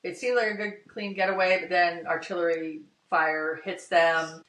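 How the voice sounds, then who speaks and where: A man's voice: high voice, flat delivery, moderate pace, pushed and bright. A man co-hosting a podcast, casually recapping a TV episode at length and acting out quoted lines. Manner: narrates plot at length, acts out quoted lines. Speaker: podcast co-host. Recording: roomy, distant from the mic.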